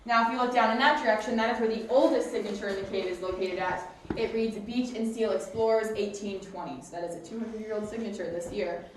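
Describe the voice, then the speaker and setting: A woman's voice: medium pitch, fairly even intonation, fast. A woman working as a cave guide, giving a casual, explanatory tour talk to a group inside a cave. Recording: very echoey cave, distant mic, faint noise.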